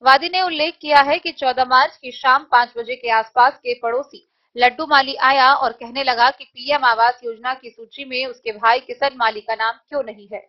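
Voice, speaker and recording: Woman news reader, high-pitched, formal scripted delivery, dull lo-fi audio. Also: steady tone, normal speed.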